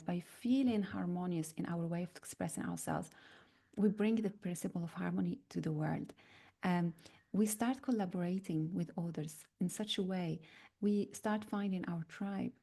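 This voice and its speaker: A woman from North Africa gives a reflective spiritual talk, slow and searching, with many pauses and fillers. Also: on the low side, vocal fry, warm tone. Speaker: spiritual teacher.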